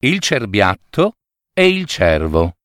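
Slow, expressive male fable reader. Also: fairly low pitch, faint music behind. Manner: expressive, lingering delivery. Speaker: storyteller. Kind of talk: reading fables aloud.

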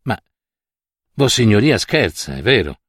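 A man's voice: lowish voice, sing-song, unhurried, fairly bright tone, slightly rough, no room sound, studio quality, pitched below the performer's own voice, heavily acted. A man voicing a humble, pious craftsman who answers his master respectfully and pleads with him. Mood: pleading.

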